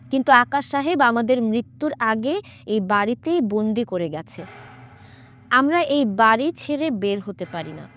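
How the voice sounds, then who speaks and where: A woman voicing an angry male jinn possessing a young man in a horror audiobook, shouting threats and later pleading tearfully. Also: on the high side. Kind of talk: audiobook character voice.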